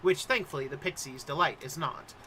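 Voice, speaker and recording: A man's voice: a little high, brisk, sharp tone, slight background noise. A man hosting as game master, introducing and narrating a tabletop game like a theatrical storyteller.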